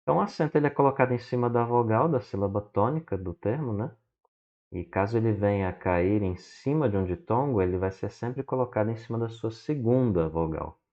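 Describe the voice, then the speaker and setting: A man teaching from slides who explains slowly, checks in with "né?" and spells words out one syllable at a time. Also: on the low side, animated, dark tone. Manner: explains slowly and often adds "né?". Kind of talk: slide lesson. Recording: dull lo-fi recording.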